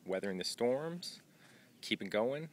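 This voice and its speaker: A man's voice: medium pitch, expressive, a little slow, a little hiss or hum. A man filming an outdoor vlog at a trail shelter on a long hike, talking loosely with many fillers. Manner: rambling and informal, with many "uh" and "um" fillers. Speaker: thru-hiker vlogging his trail day.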